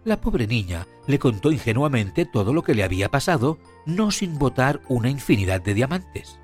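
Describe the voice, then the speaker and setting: A man narrating a fairy tale with an expressive storytelling cadence. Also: medium pitch, moderate pace. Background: faint music.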